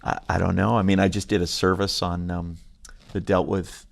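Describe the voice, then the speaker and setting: A man's voice: normal speed, gravelly, slight background noise. A pastor with a British accent, a man telling stories animatedly in a casual studio conversation. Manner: animated storyteller, jumping pitch on punchlines. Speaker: pastor and guest.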